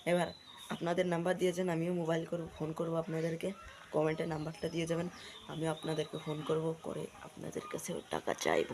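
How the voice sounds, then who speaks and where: A male prank-call video host with a Bangladeshi accent chats casually with his viewers, keeping up a repetitive running commentary. His voice sits a little high and brisk, with background noise behind him.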